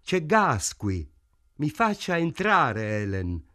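A man reading a novel aloud, voicing a young man hoarse with a cold. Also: a little high, sing-song, slow pace, bright, forceful tone, dry recording, clean studio sound, voice pushed up, heavily acted. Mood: urgent.

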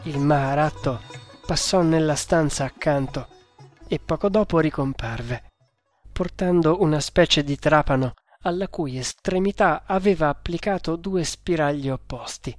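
A reader narrating an adventure novel in a measured, dramatic audiobook style. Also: medium pitch, dry recording, clean studio sound.

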